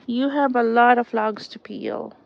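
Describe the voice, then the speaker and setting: A woman's voice: a little high, fairly even intonation, unhurried. A woman chatting casually outdoors, giving short, easygoing, agreeable replies from behind a camera. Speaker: companion filming the builder. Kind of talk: casual chat, short reactions. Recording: muffled outdoor audio with clear noise.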